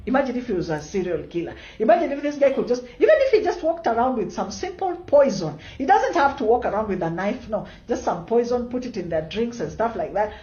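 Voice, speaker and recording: A woman's voice: on the high side, sing-song, quick pace, hardly any pauses, warm tone. A Kenyan woman in her fifties with a Kenyan accent, giving an impassioned, defiant monologue full of rhetorical questions. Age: 50s. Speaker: commentator in a played clip. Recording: echoey, dull lo-fi clip.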